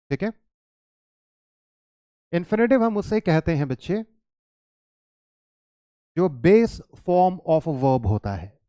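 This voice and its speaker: An English teacher gives a classroom grammar lesson, mixing Hindi and English, reading English sentences slowly and asking and answering his own questions. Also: fairly high pitch, mellow, dry recording, studio quality. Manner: mixes Hindi and English, reads English lines slowly; addresses students as children, asks and answers his own questions.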